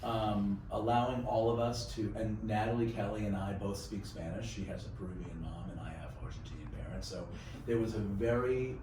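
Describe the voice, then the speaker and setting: Measured male actor, low voice, echoey distant sound. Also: noisy background. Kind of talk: press junket interview.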